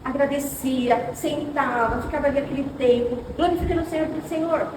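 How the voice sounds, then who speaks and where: A middle-aged Brazilian woman leads a women's church class, her high voice moving fast as she tells stories and speaks to her "sisters." She sounds distant from the mic, her voice echoing through a roomy hall over steady background noise. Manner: animated storytelling, addressing listeners as sisters. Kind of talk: informal teaching with personal stories.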